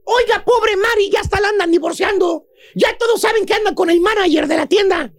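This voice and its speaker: A squeaky, sky-high comic professor on a radio comedy show, shrieking his lines with theatrical scorn and mimicking gossipy women. The sound is dry and close, with no room around it. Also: a little fast, no echo. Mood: mocking. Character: shrill mocking gossip-hating male professor.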